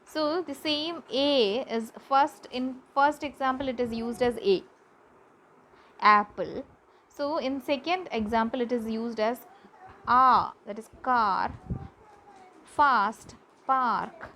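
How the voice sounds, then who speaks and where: A woman teaching a class, slowly repeating words for pronunciation practice. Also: high voice, rough recording. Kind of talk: classroom lesson. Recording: faint background noise.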